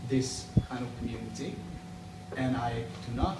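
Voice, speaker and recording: This thirties-aged man from Sweden, a native Swedish speaker, is interviewed in a school corridor with plastic chairs, captured by a camera far away in a noisy, echoey hallway. He talks at normal speed in a medium pitch, thoughtful but hesitant, full of fillers and restarts.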